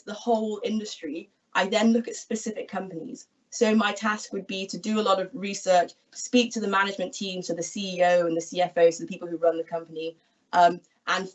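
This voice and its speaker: Speaking from a small room indoors at home, this equity research analyst guest, an Englishwoman in her twenties, has a mid-range voice. Her explanations on the online careers talk are friendly and clear, with gestures as she talks. The laptop webcam video call makes her sound dull and far away.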